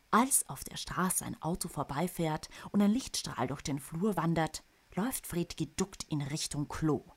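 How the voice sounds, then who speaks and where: Woman, storybook reader, low, slow, very animated, whispers for suspense. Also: husky. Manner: expressive, drops to a whisper for suspense. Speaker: narrator. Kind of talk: reading a children's picture book aloud.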